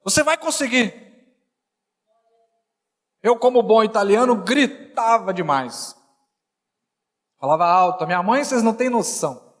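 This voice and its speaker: A middle-aged male pastor preaching a sermon, joking and conversational, then rising to shouted emphasis. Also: high voice, expressive, moderate pace. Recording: long hall reverb.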